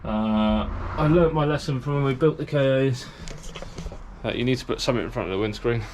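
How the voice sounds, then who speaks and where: A man's voice: mid-range voice, fairly quick, a little mellow, slight background noise. A man with a British English accent narrating a casual workshop vlog while building a race car, chatty and rambling with lots of fillers, a little out of breath from the heat. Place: hot garage workshop.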